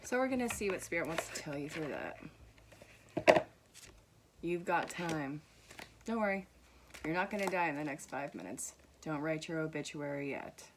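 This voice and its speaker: Heavy background noise surrounds this young woman's low-pitched, expressive voice as she gives a casual, reassuring tarot reading at a moderate pace, pausing often. She's from Vermont, with a Vermont and New York accent, and reads card messages aloud to viewers in a warm, gently teasing way.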